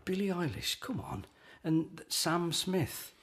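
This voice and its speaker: A man's voice: sits high, takes it slowly, fairly bright tone. A middle-aged man co-hosting a podcast, chatting casually in a wry, hesitant way that often trails off. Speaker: podcast co-host. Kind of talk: casual chat.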